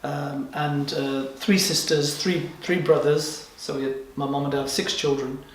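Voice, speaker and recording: A man born in Kenya and raised in England, answering interview questions in a measured way with frequent pauses. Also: on the high side, level tone, distant mic, a little hiss or hum. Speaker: guest, life and business coach. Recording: very echoey room, away from the mic.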